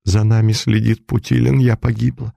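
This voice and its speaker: A man putting on a hoarse frightened noblewoman. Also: on the low side, little pitch movement, moderate pace, mellow, no echo, studio quality. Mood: desperate. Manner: desperate, pleading. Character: husky frightened noblewoman, young adult.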